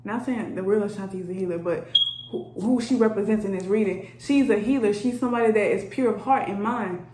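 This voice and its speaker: An energy reader talks straight to her viewers during a casual tarot reading, chatty, blunt and profane. Her voice sits at medium pitch and moves briskly, recorded with a roomy echo and faint background noise.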